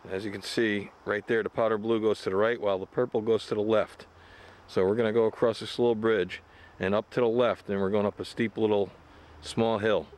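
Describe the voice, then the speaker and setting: A man filming himself on a hike, narrating the trail in a relaxed, admiring way into a handheld camera outdoors. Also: fairly low pitch. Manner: relaxed, admiring, pointing things out as he walks. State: out of breath while climbing. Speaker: hiker filming a trail tour. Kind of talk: casual narrated hiking vlog. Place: outdoors on rocky park trails. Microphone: handheld camcorder mic.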